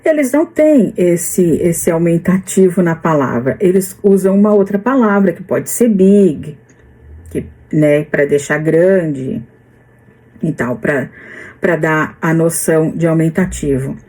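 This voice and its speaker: A Brazilian woman in her fifties with a Brazilian Portuguese accent, talking slowly and hesitantly in a casual vlog, with many restarts. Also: fairly low pitch, lively intonation, dark tone, low-quality recording. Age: 50s. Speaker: vlogger.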